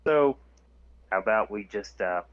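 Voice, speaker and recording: Man playing a streetwise gangster, casual, lowish voice, dull lo-fi mic. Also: lively intonation, unhurried, clean tone. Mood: negotiating.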